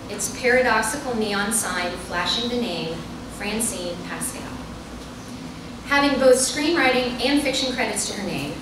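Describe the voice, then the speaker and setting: At a bookstore event, a woman author reads a funny personal essay to a live audience, her mid-range voice full of wry, self-deprecating, performative storytelling. The mic sits far from her, so the recording comes across echoey and noisy, picked up from a distance.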